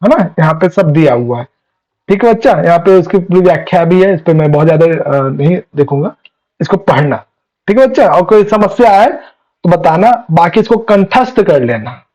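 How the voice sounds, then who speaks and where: A man teaches a Sanskrit grammar class online, speaking in a notably high voice. He explains patiently and keeps putting questions to his students. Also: lively intonation, normal speed, darkish tone, highs cut off.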